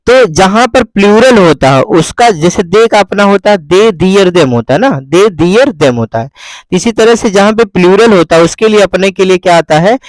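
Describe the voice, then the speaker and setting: Male English tutor, high voice, dry close mic, reads each English line slowly and repeats everything. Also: lively intonation, no echo, poor audio. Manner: repetitive, asks and answers his own questions. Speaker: English teacher. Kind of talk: newspaper-reading English lesson.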